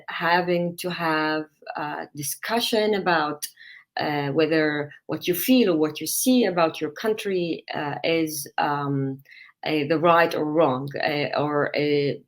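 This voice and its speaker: A woman novelist, speaking hesitantly with many fillers in a recorded interview. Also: deep voice. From Palestinian citizen of Israel. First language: Arabic.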